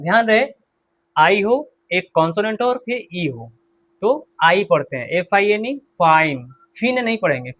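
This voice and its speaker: A man's voice: on the high side, fairly bright tone. A male English teacher giving a pronunciation lesson, repeating the rules and asking the listener questions as he goes. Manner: slow, repetitive, quizzes the listener with questions.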